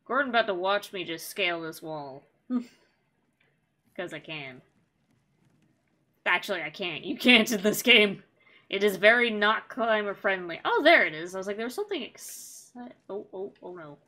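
A woman's voice: mid-range voice, lively intonation, normal speed, pauses often, pushed and bright. A woman streaming a video game, chatting casually with sarcastic, jokey asides. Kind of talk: casual gameplay chat.

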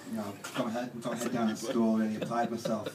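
A young man doing stand-up in a halting, deadpan way full of ums. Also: mid-range voice. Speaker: stand-up comedian. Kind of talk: stand-up comedy set. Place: comedy club stage. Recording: roomy live club, distant mic, noisy.

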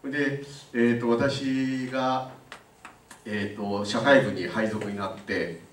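A man's voice: medium pitch, steady tone, slight background noise. Older man lecturing in a roomy hall. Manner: conversational, frequent filler pauses. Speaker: guest lecturer. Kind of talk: public lecture. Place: lecture room. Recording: roomy, mic at a distance.

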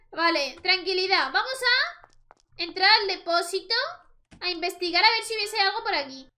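Young woman, Spain Spanish accent, very high voice, let's play commentary, chatty. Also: animated, normal speed, bright, forceful tone. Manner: chatty, exclaims at the screen and addresses viewers. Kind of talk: casual gameplay commentary.

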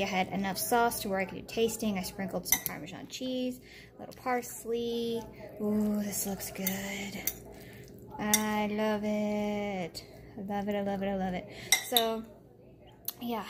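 A woman talking casually through a cooking vlog in her home kitchen, rambling with plenty of fillers. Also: medium pitch. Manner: chatty, rambling, with frequent fillers. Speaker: vlogger.

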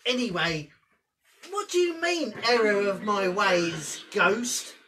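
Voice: mid-range voice, animated, takes it slowly, sharp tone. An amateur actor playing a grumpy, miserly, dismissive old man in a hammy pantomime. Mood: indignant. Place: cluttered indoor room, filmed from a distance. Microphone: far camera. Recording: noisy room, distant camera microphone.

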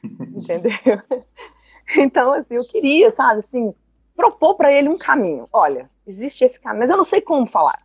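A woman's voice: high voice, very animated, moderate pace, breathy edge, dry recording, muffled recording. A woman caller in a Q&A, talking at length about her family and quoting the conversations she had. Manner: talkative, recounts dialogue, laughs often. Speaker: caller asking for advice. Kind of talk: personal account in a live Q&A.

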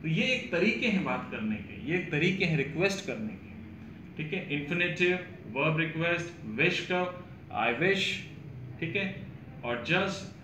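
A man's voice: fairly high pitch, sing-song, a little slow, highs cut off, background noise. A man, explaining his English pronunciation course to students and repeating words to show how they sound. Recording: echoey room with faint ambience.

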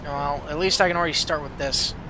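A man's voice: fairly high pitch, fairly even intonation, fairly quick, bright, forceful tone, slight background noise. A man giving casual, sarcastic gameplay commentary with plenty of swearing. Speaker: gamer.

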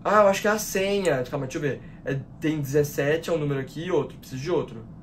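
A man's voice: on the high side, fast talker, a little hiss or hum. A nineteen-year-old man with a Brazilian Portuguese accent doing slangy horror gameplay commentary, jumpy and panicky, shrieking and rattling off repeated words while talking straight to viewers. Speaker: gaming YouTuber. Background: game music.

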